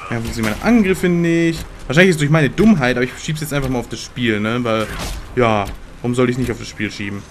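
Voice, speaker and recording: Young guy for let's-play commentary, slangy and excitable, mid-pitched, faint hiss behind him. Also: fast talker. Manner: slangy, excitable, talks to the game characters. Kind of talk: casual gameplay commentary.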